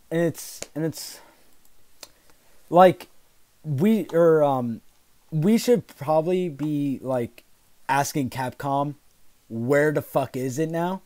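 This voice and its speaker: A man with a slightly high voice and a close, dry sound rants as a fed-up, raging gamer. He swears heavily through loose, conversational live commentary. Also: lively intonation, slow pace, pauses often, darkish tone, no echo. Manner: raging, exasperated gamer ranting; heavy profanity. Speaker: gaming commentator. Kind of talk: live commentary rant, casual chat.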